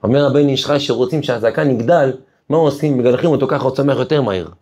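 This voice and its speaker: Speaking in a warm, mid-range voice, a male rabbi teaches his weekly class a forceful Torah lesson shaded with sermon-style exhortation. Stories and rhetorical questions carry him toward passionate climaxes.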